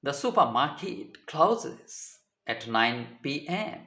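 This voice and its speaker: Slow, deliberate male tutor. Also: medium pitch, big pitch swings, pushed and bright, echoey room. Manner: spells words letter by letter and translates each line. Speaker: English tutor. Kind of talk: slow deliberate vocabulary lesson.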